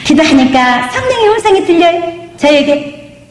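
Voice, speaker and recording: A woman's voice: extremely high pitch, sing-song, normal speed, a little hiss or hum. A woman pastor preaching a testimony sermon, emphatic and calling out to the congregation, sometimes slipping into a sung lilt. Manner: emphatic preaching, asks the congregation "do you believe?"; drifts into sung intonation. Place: church sanctuary. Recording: echoey hall.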